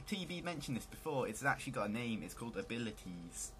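A man's voice: mid-range voice, big pitch swings, quick pace, a bit bright, soft background music. A man hosting a let's play, giving casual, joking commentary on a video game.

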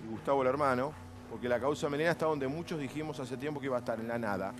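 A man hosting a TV morning talk show in a brisk, conversational way. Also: mid-range voice.

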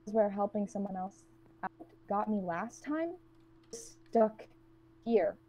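A woman playing a cold, guarded woman trapped with strangers, who speaks in a blunt, cutting monotone. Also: mid-range voice, takes it slowly.

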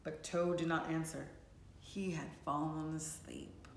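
Like a teacher, this woman reads a storybook expressively, speaking straight to young listeners. Her voice sits low and creaky, steady in tone and measured in pace. Captured by a camera or phone a few feet off in an echoey room, with slight background noise.

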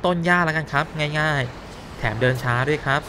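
A man's voice: fairly high pitch, moderate pace. Chatty man narrating a game walkthrough. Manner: chatty, explains each step politely. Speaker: gameplay commentator. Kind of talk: casual game walkthrough commentary. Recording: game sound behind the voice. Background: game sounds and engine noise.

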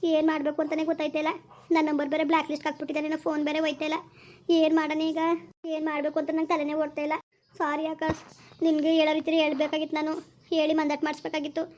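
A woman's voice: high-pitched, completely flat delivery, very fast, a little mellow, lightly acted. Fretful young village woman, as an actress plays her. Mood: anxious. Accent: rural Kannada. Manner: fretful, sighs and tuts. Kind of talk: village skit acting.

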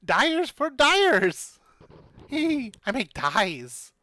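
A tiny skeleton shopkeeper from a game. The skeleton voice is high and giggly, leaping about with excitable glee. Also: drawn-out words, no echo, clean studio sound, full character voice. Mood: giggly, proud.

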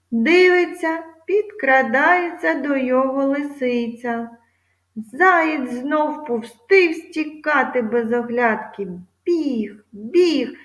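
A woman teacher reading a fable aloud with slow, careful articulation, then guiding pupils through word stress and questions. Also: a little high. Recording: echoey room.

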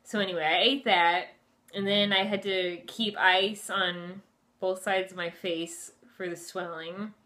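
Chatting to camera indoors in a furnished room, a twenty-something vlogger shares a personal story, her speech full of "like" and "you know." She sounds bright and forceful yet unhurried, with a lowish voice and fairly even intonation.

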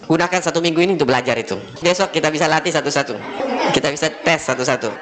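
A male religious teacher guiding a group through prayer recitation, switching between slow drawn-out chanting and quick explanations. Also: fairly high pitch, fairly bright tone. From Indonesia. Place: study gathering hall.

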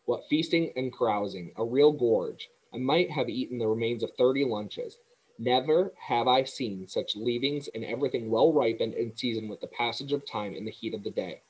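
Gluttonous storybook rat, husky and hoarse, snide, as a male reader puts him on. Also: mid-range voice, moderate pace, darkish tone, natural voice, rough recording. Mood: gloating, snide.

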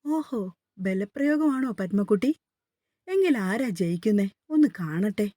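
A woman's voice: on the high side, lively intonation, measured pace, dry recording, studio quality. A woman voicing a teasing young husband, playful and firm, in a story read aloud. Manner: teasing, gently mocking.

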